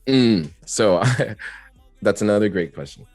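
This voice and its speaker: A man with a very low voice talks openly as a guest about his craft, rambling and laughing easily. The sound is dry and close, with faint music underneath. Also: animated, a little slow, darkish tone, dry recording. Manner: talkative, reflective, laughs often. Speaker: rapper guest. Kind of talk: casual interview chat.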